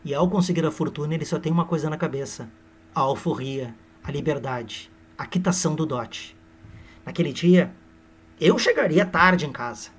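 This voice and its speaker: A man teaching literature by retelling a novel as a lively lecture, with humorous, playful asides to his listeners. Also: on the high side, moderate pace, husky.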